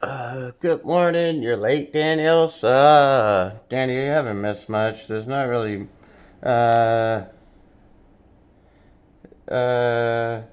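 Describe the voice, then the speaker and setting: A man's voice: medium pitch, slow pace, long pauses, smooth. A man hosting a live day trading stream with casual, rambling commentary, muttering to himself and swearing bluntly. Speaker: day trading livestream host.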